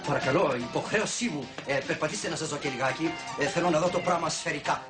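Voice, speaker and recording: An actor playing a leering boss over music. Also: male voice, a little high, natural voice. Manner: leering, bossy, teasing. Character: lecherous boastful middle-aged male boss. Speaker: company director. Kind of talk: 1980s film comedy acting.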